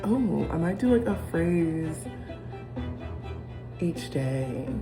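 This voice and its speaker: A young American vlogger with a lowish voice sounds animated and stretches out her words. Talking to camera, she rambles reflectively and casually, with plenty of ums and restarts. Music plays behind her.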